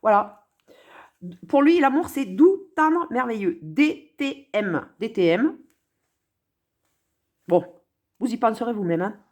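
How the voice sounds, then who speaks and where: A woman offers casual, sarcastic commentary on a song, playfully talking straight to the viewer and swinging between mutters and exclamations. Her voice is on the high side, animated and a little mellow, with a slow pace and long pauses.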